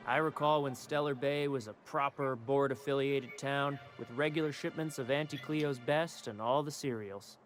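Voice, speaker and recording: A man's voice: medium pitch, steady tone, moderate pace, few pauses, soft background music, close to an everyday voice. A man playing a jaded, nostalgic smoker in a video game, speaking in a pompous, wordy, world-weary way. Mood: wistful, bitter. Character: jaded, idle male smoker nostalgic for better days. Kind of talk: video game character dialogue.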